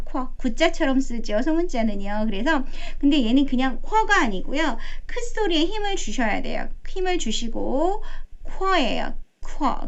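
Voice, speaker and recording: Woman teacher, phonics lesson, slow repeated letter sounds, fairly high voice, dull lo-fi recording. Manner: demonstrates letter sounds slowly, repeating them. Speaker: English teacher.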